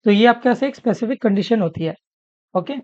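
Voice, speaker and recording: A man with an Indian English accent teaching an exam-prep lesson. He reads each English question slowly, then explains it, often checking in with the students. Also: high-pitched, expressive, a little mellow, no room sound, highs cut off. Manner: explanatory, keeps checking in with "ठीक है?".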